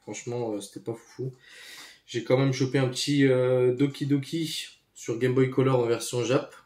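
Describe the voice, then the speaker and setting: A man casually showing off his retro game finds, relaxed and hesitant with many fillers. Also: medium pitch, normal speed. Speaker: retro game collector YouTuber. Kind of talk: casual show-and-tell commentary. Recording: echoey room, faint noise.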